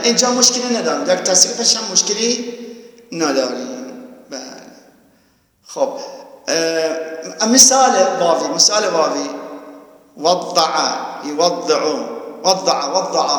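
High-voiced male teacher in echoey room. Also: fairly bright tone. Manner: patient, repeats terms and quizzes students. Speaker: teacher of Arabic grammar. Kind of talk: online class lesson. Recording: very echoey room with long reverb.

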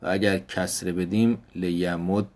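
A man teaching an Arabic grammar lesson, explaining step by step and repeating each example word slowly. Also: deep voice, fairly even intonation. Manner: slow, deliberate explanation, repeating example words.

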